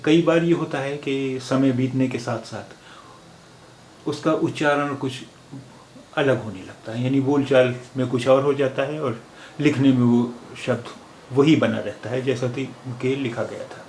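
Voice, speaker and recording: Male language teacher, patient and hesitant, mid-pitched voice in a roomy space with a faint hiss. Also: steady tone, measured pace, a little mellow. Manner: patient, thinks aloud with frequent "uh" fillers. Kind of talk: explanatory language lesson. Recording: roomy with faint background noise.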